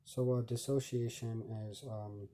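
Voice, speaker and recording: A man recording a casual vlog, speaking haltingly with constant fillers, stumbles and restarts. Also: medium pitch, steady tone, warm tone, a little hiss or hum. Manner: rambling, heavy filler words. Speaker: vlogger. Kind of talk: casual self-recorded monologue.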